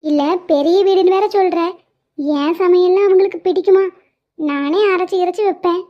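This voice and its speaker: A woman's voice: very high voice, moderate pace. A woman voicing a worried working-class mother in a cartoon. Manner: earnest, weary, worried. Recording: dull lo-fi sound.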